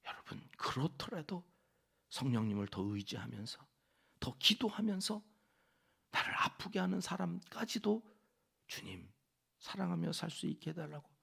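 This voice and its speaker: A man preaching a dawn prayer sermon in a church, with a Chungcheong Korean accent, dropping from loud exhortation to hushed whispered asides. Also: on the high side, big pitch swings, normal speed, gravelly, pauses often, husky. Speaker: pastor. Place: church sanctuary.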